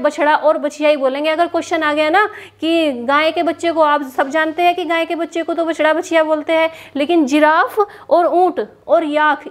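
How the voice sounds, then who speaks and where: A woman teaching an exam-prep lesson, asking a question and answering it herself, standing in a small room. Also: high voice. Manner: repeats questions and answers for drilling. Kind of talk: classroom lesson. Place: hot room without a fan, standing.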